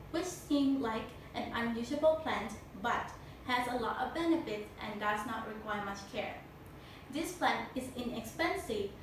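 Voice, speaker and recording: Echoey, stiffly recited young Thai-accented woman. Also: fairly high pitch. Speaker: speech contestant. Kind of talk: memorized competition speech. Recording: very echoey room, distant mic, noisy.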